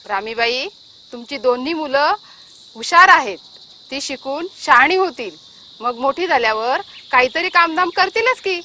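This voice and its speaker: A woman playing a patient village schoolteacher who speaks calmly and persuasively. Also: sits high, measured pace, a little hiss or hum, exaggerated voice. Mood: earnest. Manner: calm, earnest, persuasive.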